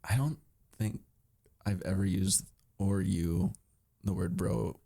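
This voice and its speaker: A man's voice: low voice, takes it slowly, gravelly, warm tone. A man co-hosting a podcast, talking in a laid-back, dry way. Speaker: podcast co-host. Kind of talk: casual podcast chat.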